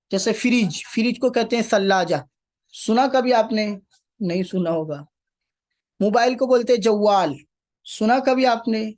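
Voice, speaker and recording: A man teaching Quranic Arabic, repeating key phrases and putting rhetorical questions to his class. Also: high voice. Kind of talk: classroom lecture.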